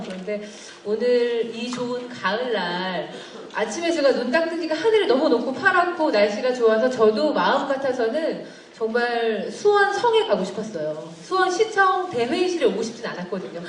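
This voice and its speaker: Lively woman announcer in an echoey hall. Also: a little high, normal speed, few pauses, slight background noise. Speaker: broadcast announcer emceeing an event. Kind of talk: polished emcee speech. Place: large conference hall. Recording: echoey hall, distant mic, audience around.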